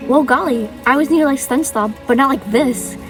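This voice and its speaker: A woman voicing a cheerful, folksy female squirrel friend in a high, bright put-on voice, with music playing behind. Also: quick pace, distant mic, natural voice. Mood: encouraging. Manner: folksy and reassuring.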